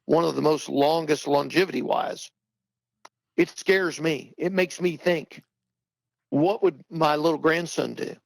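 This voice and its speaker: An older man talking heatedly on a podcast, repeating himself for emphasis and rising in pitch when worked up. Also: unhurried, gravelly, dry recording, low-quality recording. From Texas. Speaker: podcast guest. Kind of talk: impassioned talk-show commentary.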